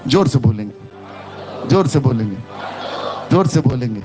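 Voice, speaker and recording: Music plays in the background as a man with a medium-pitched voice, speaking at normal speed, preaches a sermon in Hindi. He animatedly tells a parable and calls out to his congregation for responses in a call-and-response style.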